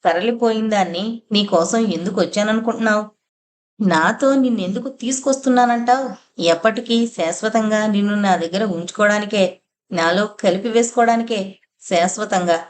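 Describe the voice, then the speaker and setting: Woman narrator doing a seductive, possessive female spirit; teasing near-whisper, mid pitch, audiobook. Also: moderate pace, lightly acted. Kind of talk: audiobook character voice.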